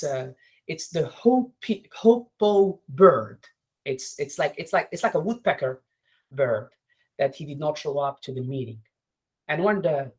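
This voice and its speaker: A man giving an informal lecture over a video call. He retells a story haltingly, with many restarts. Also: a little high, breathy edge, poor audio. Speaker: lodge presenter.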